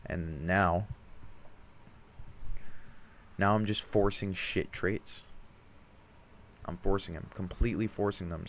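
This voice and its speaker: A man's voice: low-pitched, a little mellow. A young man venting about his week of trading in a candid, self-critical vlog rant, emphatic and frustrated, with casual slang. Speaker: trading vlogger.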